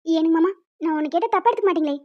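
A woman voicing a gentle young wife in a cartoon, pleading and sorrowful as she pours out her hurt. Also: very high-pitched, very fast, dull audio. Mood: tearful.

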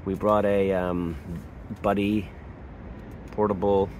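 A man from Canada giving a casual tour of his camping setup inside a hot tent, pausing often with uh and restarting sentences. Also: on the low side, little pitch movement, darkish tone, slight background noise. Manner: halting, lots of uh and restarts. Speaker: camping vlogger.

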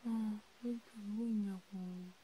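A woman in a whispered role-play, comforting a friend softly and soothingly, slipping between a quiet voice and a whisper. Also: mid-range voice, steady tone, measured pace, slight background noise, poor audio. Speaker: ASMR creator.

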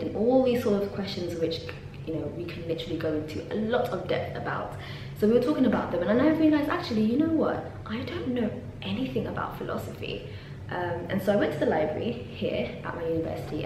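A chatty young London woman with a medium-pitched voice vlogs casually to camera as a PhD student, animated and full of ums and laughs. She's indoors in a university office lab, first recorded by a camera on her desk, then handheld selfie-style. The room is very echoey, with a faint hum underneath.

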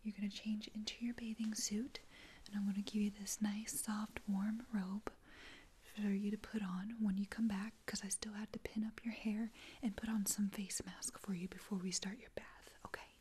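A young woman in a whispered role-play as an attentive, reassuring spa attendant, speaking softly and close up. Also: medium pitch, flat delivery, moderate pace, slight background noise. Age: young adult. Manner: soft-spoken, attentive, reassuring customer-service talk. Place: small dim indoor room.

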